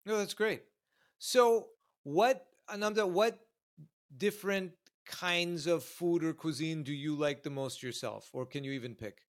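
Male podcast host, friendly, halting questions, slightly high pitch. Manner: friendly, hesitant restarts. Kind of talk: interviewing a guest.

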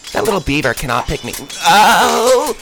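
A man's voice: high voice, big pitch swings, normal speed, gravelly, over music, heavily acted, poor audio. A man voicing a spoiled, bratty princess who talks in a sulky, drawling, dismissive way. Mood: scornful.

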